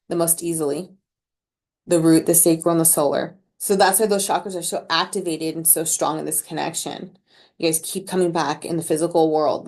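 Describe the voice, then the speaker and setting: With a low, slightly mellow voice, a tarot reader gives her viewers a casual collective reading. She's chatty and slangy, laughs at her own remarks, and fills her speech with "like".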